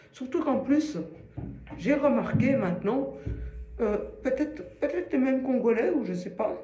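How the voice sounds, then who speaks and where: A man's voice: high voice, mellow, echoey room, low-quality recording. A man giving an informal singing lesson to one student, explaining patiently with everyday comparisons. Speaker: singing teacher.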